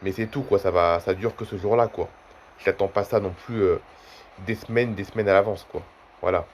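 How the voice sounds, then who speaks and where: A man's voice: on the low side, fairly even intonation, normal speed, a little hiss or hum. A man in his twenties chatting casually in a vlog, rambling and repeating himself often. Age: 20s. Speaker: YouTuber.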